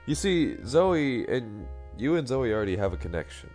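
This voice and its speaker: A man voicing a middle-aged father on the phone, halting and hesitant. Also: mid-range voice, big pitch swings, darkish tone, soft background music, lightly acted. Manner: hesitant, trailing off.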